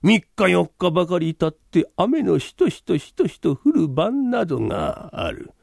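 Man doing a polite older landlord, slow dramatic telling, bit gravelly, lively pitch. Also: no echo, studio quality, full character voice. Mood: storytelling. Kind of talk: rakugo storytelling.

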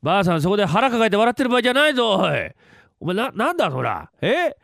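A rough-tongued old Edo uncle, as a rakugo storyteller puts him on, barking and grumbling at a slow-witted nephew. His lively voice jumps from gruff low mutters to sharp, exasperated outbursts. The sound is dry and close to the mic. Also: no room sound. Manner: rough, scolding Edo-style speech.

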